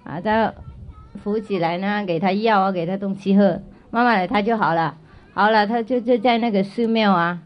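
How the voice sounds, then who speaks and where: A woman's voice: medium pitch, moderate pace. A woman spiritual teacher telling a story to children in a chatty way, often repeating herself and asking if they follow. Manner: chatty, checks in with listeners often; repeats and restarts phrases. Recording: dull lo-fi recording.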